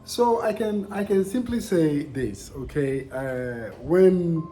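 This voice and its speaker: A Ghanaian-accented vlogger narrates slowly to viewers, reflective and conversational, and repeats points to emphasize them. The medium-pitched voice is expressive and mellow, with music in the background.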